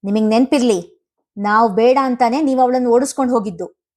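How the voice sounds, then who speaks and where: A woman voicing a sharp-tongued, scornful sister-in-law who scolds loudly and quickly in a family storybook reading. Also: lightly acted. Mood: scolding. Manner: sharp, scolding, high-pitched.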